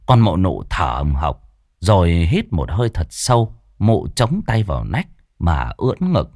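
A man's voice: sits low, wildly swooping pitch, a little slow, darkish tone, no echo, studio quality. A man narrating a horror story expressively.

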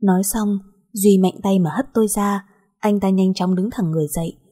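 A woman narrates a dramatic first-person story softly and with feeling. Her voice is warm and mellow with a breathy, husky edge. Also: mid-range voice. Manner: soft, emotional storytelling.

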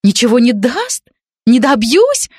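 A jealous young student girl, hysterical and shrill, her voice jumping high as she hurls accusations, as a woman reads her part. The sound is close and dry, with no room around it. She sounds on the edge of tears and screaming. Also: expressive, normal speed, no room sound. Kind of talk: audiobook character reading.

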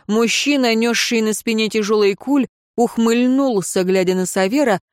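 A woman reading a fantasy novel aloud as audiobook narrator, measured and steady. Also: fairly high pitch, smooth, no echo, studio quality. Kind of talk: scripted narration.

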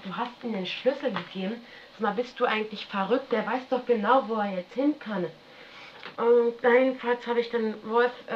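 A woman talks through her memories in a loose, rambling, colloquial way, finishing her sentences with a questioning "ne?". Her voice sits at a medium pitch. It comes from a dull, lo-fi archival radio tape with a faint hiss underneath. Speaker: interviewee recounting her life. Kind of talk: casual spoken recollection.

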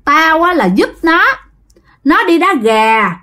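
A woman's voice: very animated, slow, bright, forceful tone, full character voice. A woman voicing a spiteful spirit that has possessed a young man and taunts shrilly. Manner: sneering, shrill taunting, later sobbing pleas.

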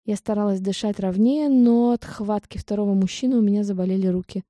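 A woman reading a first-person audiobook in an even, steady storytelling manner. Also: medium pitch, a little fast, dry recording. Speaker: audiobook narrator.

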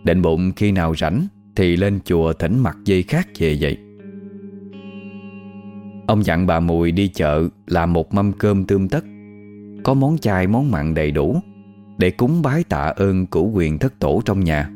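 A man with a Southern Vietnamese accent narrates a ghost story in a very low, deep voice. His telling is colloquial and vivid. Quiet guitar music plays faintly behind him. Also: expressive, a little slow.

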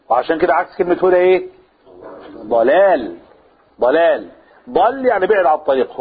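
A man's voice: sits high, slightly rough. A man with an Egyptian Arabic accent, teaching a Quran commentary lesson. He explains by asking his own questions and answering them. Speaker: religious teacher. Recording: tinny phone-like sound.

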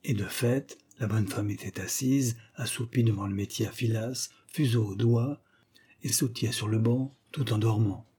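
A man reads a comic folk tale aloud in a mellow, husky voice. He narrates with care and bursts into raised, animated tones when the characters shout. The telling is lively and theatrical. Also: lowish voice, moderate pace. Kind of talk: storybook reading with acted voices.

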